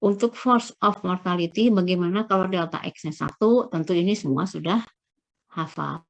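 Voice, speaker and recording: A middle-aged woman lecturing through slides, explaining step by step with frequent checking pauses and searching fillers. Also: on the low side, vocal fry.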